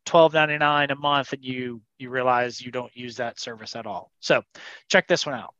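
A man's voice: mid-range voice, steady tone, moderate pace, pushed and bright, dry recording. A man co-hosting a casual chat, rambling with many restarts. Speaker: podcast co-host. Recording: dull lo-fi sound.

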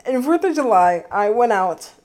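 A woman's voice: a little high, big pitch swings, normal speed, darkish tone. A young woman in her twenties hosting a solo podcast, telling a dating story in a chatty, giggly way with lots of fillers. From Philadelphia area. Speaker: podcast host.

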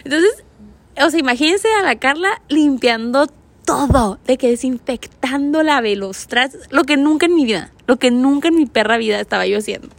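A woman's voice: high-pitched, normal speed, vocal fry, no echo. A Mexican woman in her twenties hosting a podcast, telling a family story in casual, slangy chat. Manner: chatty, animated, slangy storytelling. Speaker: podcast host.

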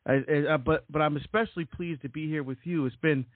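A middle-aged Barbadian man, a deacon and author, tells his story as a guest in a casual interview, full of fillers and repeats. His voice is fairly high and evenly intoned, his pace quick. The audio is tinny, phone-like, and dry with no echo.

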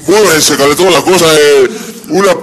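Playful comedy radio host. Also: male voice, a little high, lively intonation, normal speed, fairly bright tone, breathy edge, faint music behind. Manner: playful, laughing. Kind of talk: comedic skit radio show.

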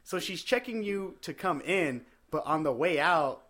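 A man's voice: fairly high pitch, animated, a little slow, fairly bright tone. A young man telling stories in casual chat, swearing constantly and laughing as he goes. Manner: profane, storytelling, laughing often.

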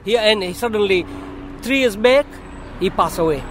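A man's voice: high voice, animated, moderate pace. A man from Tanzania with a Tanzanian accent, chatting casually and often repeating his phrases. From Tanzania, East Africa. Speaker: passer-by chatting on a livestream. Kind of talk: casual street chat. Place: outdoors on a city street beside a car. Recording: street noise, car ambience.

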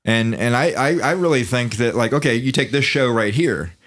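Animated, swearing man in podcast chat. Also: mid-range voice, moderate pace. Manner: animated, profane, repeats words when starting thoughts. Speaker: podcast co-host. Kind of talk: casual chat.

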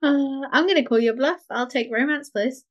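A woman's voice: sits high, moderate pace. A woman chatting casually as a podcast co-host, with a wry, understated manner. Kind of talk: casual chat.

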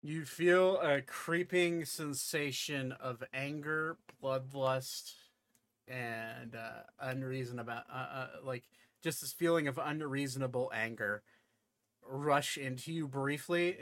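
A man running a tabletop game as game master, narrating casually and haltingly as he searches for words. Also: medium pitch, a bit bright, no echo.

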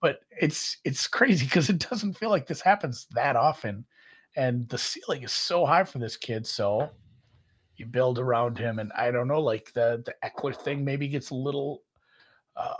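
A man with a Minnesota accent, co-hosting a casual sports podcast in a rambling, animated way with lots of fillers. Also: medium pitch, husky. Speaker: podcast co-host.

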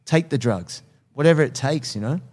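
A man's voice: medium pitch, animated, a little fast, a little mellow. Candid, earnest male strength coach. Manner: earnest, candid, laughs easily. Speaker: strength coach and personal trainer. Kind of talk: casual podcast chat.

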